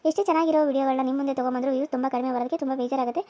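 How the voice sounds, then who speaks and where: A woman's voice: high voice, fairly even intonation, rapid-fire, dark tone. A woman hosting her cartoon channel, chatty and pleading for views. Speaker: channel host. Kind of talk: casual outro appeal.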